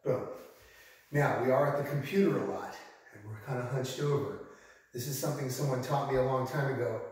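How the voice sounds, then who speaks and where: A man with a middle-pitched voice coaches exercises in an easygoing, encouraging way, moving about as he demonstrates them. He stands well back from the camera mic in an empty room with bare floors, and a strong, booming echo trails every phrase. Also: distant mic. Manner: relaxed and encouraging, checks in with "okay?". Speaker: fitness coach. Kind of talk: casual instructional talk.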